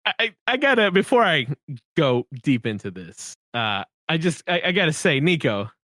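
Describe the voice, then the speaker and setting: Young male podcast guest, excitable and emphatic, slightly high voice, dry sound. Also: moderate pace, no echo. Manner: animated and emphatic, laughs often. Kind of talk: casual podcast chat.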